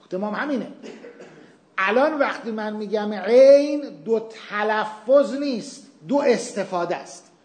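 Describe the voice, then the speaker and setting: A man's voice: high voice, expressive, darkish tone, reverberant. A man teaching a seminary class, explaining a point patiently with everyday examples and asking and answering his own questions. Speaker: teacher of Islamic legal theory. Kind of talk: seminary lecture with class discussion.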